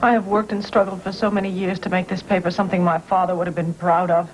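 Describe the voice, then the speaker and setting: A worried newspaper owner on hissy tape. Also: female voice, on the low side, flat delivery, fast, rough recording. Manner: worried and earnest. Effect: worn VHS tape copy, hissy. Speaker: newspaper owner in a soap opera. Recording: worn tape with clear hiss.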